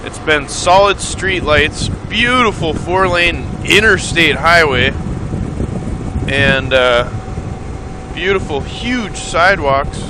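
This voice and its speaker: Male trip vlogger, higher-pitched voice, casual riding commentary from inside a helmet, clear wind and engine noise. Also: slow pace. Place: outdoors on a moving motorcycle. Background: wind, vehicle engine and road noise.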